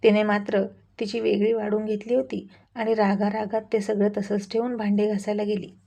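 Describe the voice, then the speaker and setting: A woman's voice: medium pitch, little pitch movement, normal speed, creaky, dark tone. A woman narrating a family story in a chatty way with mocking asides.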